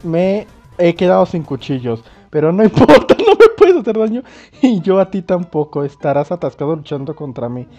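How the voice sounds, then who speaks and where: A man's voice: fairly high pitch, normal speed, few pauses, dull audio, faint music behind, lightly acted. A man voicing a furious ranting male ghost dummy from a video game. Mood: angry. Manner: shouting insults, reading game text aloud.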